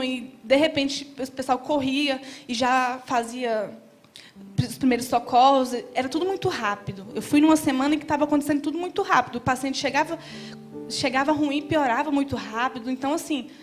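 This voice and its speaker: A middle-aged woman with a Brazilian accent giving an earnest church testimony straight to the congregation. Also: high-pitched. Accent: Brazilian Portuguese. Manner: earnest, addresses the congregation directly.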